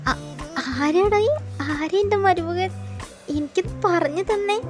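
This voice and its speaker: A woman voicing a fussy, affectionate middle-aged mother in an amateur audio drama, talking in an animated, teasing way. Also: high voice, close to an everyday voice. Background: background music.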